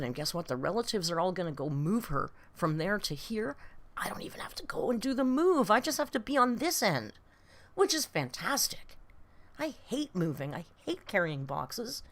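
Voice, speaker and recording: A woman in her late fifties with a deep, gravelly voice hosts a reaction live stream. She chats casually with viewers, rambling, running herself down, speaking bluntly, and dropping mild swear words.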